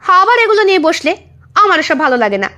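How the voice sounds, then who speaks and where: A woman voicing a shy, slightly impatient young adult daughter in an audio story, who protests quickly. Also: very high voice, sing-song, sharp tone, pitched above the performer's own voice, exaggerated voice. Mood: fretful.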